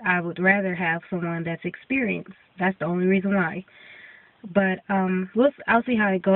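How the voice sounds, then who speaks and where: A young woman vlogger with a lowish voice gives a casual update, rambling with lots of ums and restarts. She sounds congested, like she's coming down with a cold. She's far from the mic, so the audio comes across tinny and phone-like.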